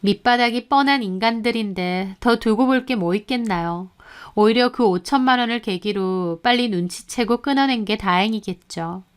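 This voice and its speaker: Smooth-voiced woman narrating a story. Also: on the high side, moderate pace. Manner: calm, matter-of-fact, first-person telling. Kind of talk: scripted narration of a reader's story.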